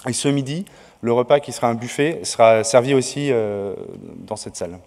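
At a podium in a big, reverberant lecture hall, a conference organizer works through his opening announcements with many hesitations. He speaks at a moderate pace in a mid-range voice that sounds a little mellow.

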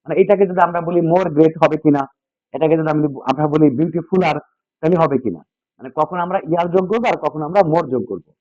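This man speaks quickly, his voice a bit high and slightly mellow, with no room sound. Teaching English grammar to a class, he goes over key points again and puts questions to the students, call-and-response style, on a dull, dry lo-fi recording.

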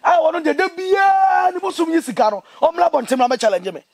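A young Ghanaian man giving an impassioned interview, speaking in an emphatic, indignant and animated way. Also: very high voice, fast talker, no echo. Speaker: interview guest, traditional priest. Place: outdoors among trees.

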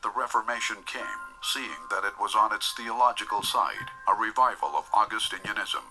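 Man, lowish pitch, formal quote reading, music underneath. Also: normal speed, poor audio. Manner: formal, reads citations steadily. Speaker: documentary voice-over reading quotes. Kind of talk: scripted voice-over narration.

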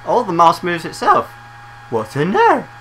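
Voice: mid-range voice, wildly swooping pitch, a little slow, a little hiss or hum, low-quality recording. A let's play commentator, chatting casually over gameplay, sarcastic and laughing mid-sentence.

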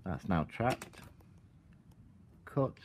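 A man giving a calm, step-by-step tutorial while working with his hands at an outdoor table. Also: deep voice, drawn-out words, a little hiss or hum. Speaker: product demonstrator.

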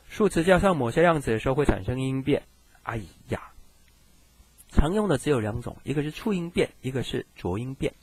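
A man's voice: medium pitch, a little mellow, husky, no room sound. A man teaching Japanese grammar in a recorded screen lesson, chatty and reassuring as he speaks to students.

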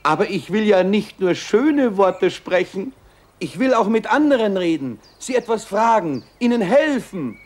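A man voicing a chatty talking mouth in a children's show, playful and quick to scold. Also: high voice, very animated, heavily acted. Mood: eager, cheeky. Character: chatty talking mouth, cheeky and eager to talk. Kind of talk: children's television acting.

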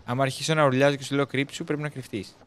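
A man's voice: medium pitch, steady tone, clean tone. A young man co-hosting a casual let's-play, teasing his friend and telling him where to go. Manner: teasing, bossy guide through the game. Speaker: gaming co-host.

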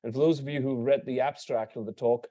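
Mellow-voiced man introducing a speaker. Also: medium pitch, fairly even intonation, fast. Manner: reads partly from notes, with small slips. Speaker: event host.

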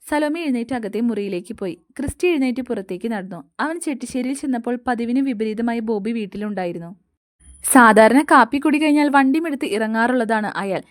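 A woman narrating an audio story with steady, even pacing. Her voice sits fairly high, and the recording is dry and close-miked. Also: quick pace, no echo. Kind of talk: scripted narration.

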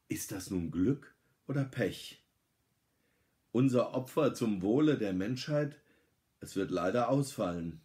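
A middle-aged man reading a story aloud, lively and dramatic, lifting his voice for the characters' lines. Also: deep voice.

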